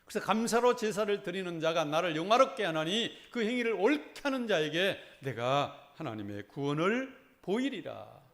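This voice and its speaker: A man's voice: high voice, big pitch swings, moderate pace, few pauses. A man preaching a sermon as pastor, speaking in a conversational way with many fillers and leading the congregation in reading and prayer.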